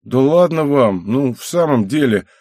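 A man's voice: mid-range voice, lively intonation, unhurried, a little mellow, no room sound, clean studio sound, pitched above the performer's own voice. A man voicing a timid, spineless teenage boy who pleads with others. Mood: pleading.

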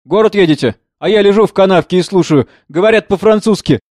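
A man reading the part of a wounded peasant with a hoarse, mocking voice. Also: sits high, fast talker, darkish tone, dry recording, studio quality, voice pushed up, lightly acted. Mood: rough, mocking.

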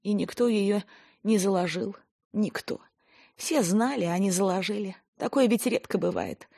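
A woman's voice: medium pitch, moderate pace, gravelly, warm tone. A woman reading an audiobook voices a stern, plain-spoken older village woman telling a grim local tale. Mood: stern storytelling. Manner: plain-spoken storyteller, blunt and earthy.

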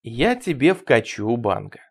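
A man's voice: mid-range voice, big pitch swings, unhurried, gravelly, breathy edge, full character voice. A man voicing a mocking, heavyset male asylum doctor in a storybook reading. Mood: taunting. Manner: mocking, sarcastic.

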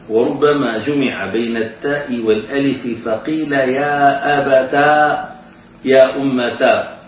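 Man, grammar lesson, methodical explaining, slow chanted examples, very echoey room, far from the mic. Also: medium pitch. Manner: explains rules step by step, chants Quranic examples slowly. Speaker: Arabic grammar teacher. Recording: echoey room, distant mic, dull lo-fi sound with faint hiss.

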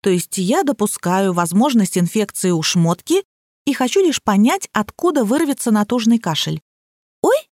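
A woman's voice: medium pitch, big pitch swings, moderate pace, a little mellow, dry recording. A woman narrating a comic novel in the first person, with a wry, ironic delivery. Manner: wry, dry ironic storytelling. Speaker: audiobook narrator.

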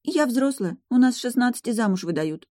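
A woman's voice: lively intonation, brisk, warm tone, no room sound, clean studio sound, lightly acted. A woman voicing a jumpy, tearful seventeen-year-old sorceress girl in an audiobook, whiny and panicky. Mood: defensive. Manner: whiny, panicky, high-strung. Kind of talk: audiobook character voice.

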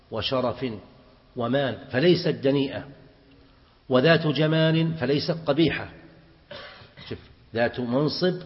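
Sheikh teaching in a mosque, slow careful explaining, asks the class questions, long echo, kinda dull muffled sound. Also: male voice, mid-range voice. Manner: slow, deliberate explanation, quizzing students. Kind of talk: mosque lesson explaining hadith. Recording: dull reverberant hall recording.

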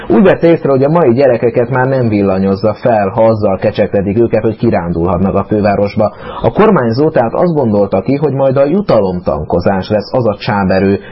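A man hosting a casual radio show, reading quirky news items in a mock-serious tone. His voice is husky and mid-pitched. The low-bitrate recording sounds dull.

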